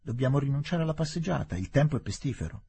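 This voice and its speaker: A curt, reserved English schoolmaster, read by a male narrator. He speaks briskly with a husky, breathy timbre and lively pitch. It comes from a novel read aloud. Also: full character voice.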